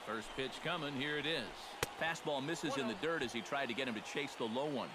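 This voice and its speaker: Guy doing baseball game play by play, steady polished broadcast voice, really noisy ballpark behind. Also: mid-range voice, lightly acted. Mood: steady, engaged. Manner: polished, measured broadcast delivery. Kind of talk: sports commentary in a video game. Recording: loud stadium ambience behind the voice.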